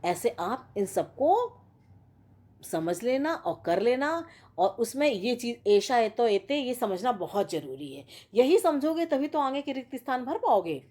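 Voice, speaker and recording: Patient woman teacher, lively pitch. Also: a little slow. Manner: patient, repeats and checks with "theek hai na". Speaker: Sanskrit teacher. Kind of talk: classroom lesson explaining grammar.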